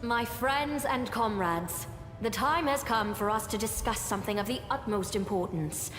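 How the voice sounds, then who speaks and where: A woman's voice: on the high side, moderate pace, a bit bright, lightly acted. Game role: righteous female commander played by a woman, formal and stern, hall reverb, music underneath. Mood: solemn, formal. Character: stern, righteous female crusade leader of high authority. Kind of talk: dramatic fantasy game acting.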